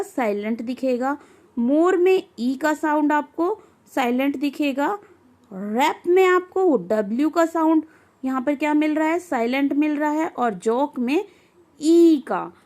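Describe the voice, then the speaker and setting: Slow, high-voiced woman teacher. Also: a little mellow. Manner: slow, patient, asks questions and answers them herself. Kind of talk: explaining an English lesson for young children.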